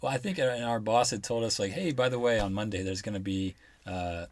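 A man's voice: on the low side, a little fast, no room sound. A man in his thirties, a guest on a podcast, talking in a laid-back, joking, rambling way. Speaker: guest, former coworker. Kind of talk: casual interview chat.

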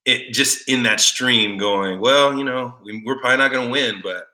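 A man's voice: mid-range voice, normal speed, bright, forceful tone. A man in his forties from Texas, a former football player, guesting on a podcast in an easygoing, laughing way. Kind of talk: casual interview chat.

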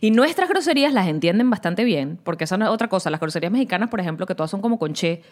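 A woman's voice: mid-range voice, animated, very fast. A woman with a Venezuelan accent, a comedian co-hosting a casual podcast chat, who talks animatedly and acts out other people in mock voices.

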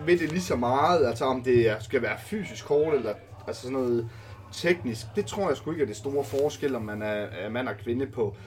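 A man chatting casually on a podcast about amateur football, relaxed and hesitant with many fillers. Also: mid-range voice.

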